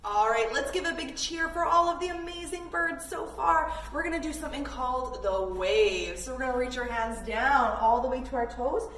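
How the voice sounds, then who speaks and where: Speaking at a moderate pace with barely a pause, this Canadian woman's high, fairly bright voice guides kids through a story-driven yoga session pose by pose, keeping things simple and encouraging. It was captured in an echoey room on a distant mic with noise behind her.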